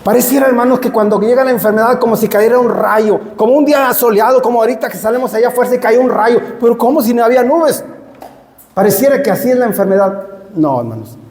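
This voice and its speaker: A man's voice: very high voice, animated, fast, a little mellow, reverberant, in a large hall, a little hiss or hum. A male pastor preaching a sermon, emphatic and repetitive, who keeps addressing the congregation as brothers. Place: church hall.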